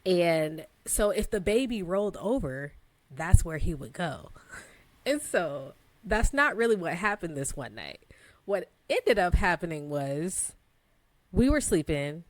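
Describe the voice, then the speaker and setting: A woman in her thirties, co-hosting a podcast, telling a story in a casual, animated way with relaxed phrasing and frequent laughter. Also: fairly low pitch, a little slow, no echo. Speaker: podcast co-host.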